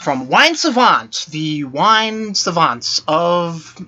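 A man's voice: on the high side, very animated, very slow, bright, forceful tone, highs cut off. A man co-hosting a comedy podcast, giving hyped mock red carpet commentary with casual, sweary banter. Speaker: podcast co-host.

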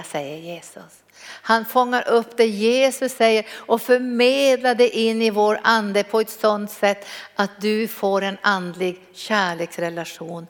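A middle-aged woman preaching a sermon and teaching a Bible lesson, fervent and storytelling, moving between loud exclamations and soft emphasis. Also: medium pitch. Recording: reverberant hall.

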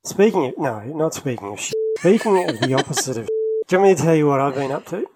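A man's voice: on the high side, fast, low-quality recording. A man, co-hosting a casual podcast and telling travel stories with a chatty, laughing manner. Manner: chatty, laughs often, lively storytelling. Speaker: podcast co-host. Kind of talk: casual chat. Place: travelling, in London.

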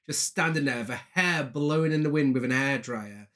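A man's voice: mid-range voice, brisk, fairly bright tone. A man co-hosting a casual film recap with sassy, campy drag-queen style banter and gushing emphasis. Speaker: podcast co-host.

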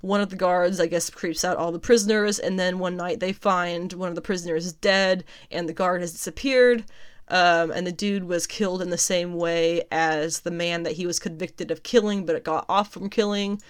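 A woman with a slightly low-pitched voice talks through comic book issues in a loose, chatty review. She sounds amused, often breaks into laughter and swears without much thought. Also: steady tone, normal speed, smooth. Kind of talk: casual recap and review.

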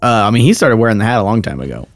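A man's voice: lowish voice, very animated, very fast, dry recording, faint music behind. A young man co-hosting a podcast, joking and swearing casually and slipping into goofy voices. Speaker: podcast co-host. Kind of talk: casual chat.

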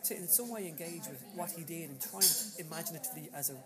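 A man with an Irish accent giving a casual, halting interview as an author, in a low-quality recording. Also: loud music behind the voice. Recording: low-quality recording, loud crowd chatter behind.

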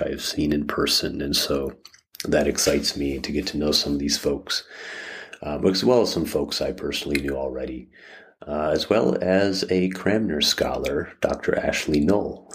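A man hosting a podcast, talking casually from inside a closet of a rented room, halting and thinking aloud with many restarts. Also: a bass voice. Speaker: podcast host. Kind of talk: casual solo podcast talk.

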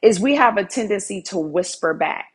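Female preacher, breathy timbre, earnest sermon delivery with repeated emphasis. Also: mid-range voice, lively intonation, normal speed.

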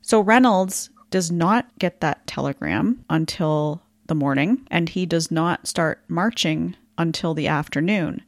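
A woman with a fairly low voice co-hosts a history podcast in a casual, chatty way. She pokes fun at herself and laughs easily. The sound is dry and close to the mic. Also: unhurried, hardly any pauses, no room sound. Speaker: podcast co-host.

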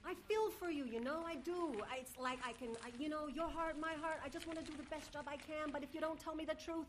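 A woman's voice: high voice, fairly even intonation, fast talker, slight background noise, natural voice. A woman playing brash, impatient, cheeky characters in improvised sketch comedy, speaking with emphasis. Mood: exasperated. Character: exasperated female solicitor and cheeky, combative quiz contestant.

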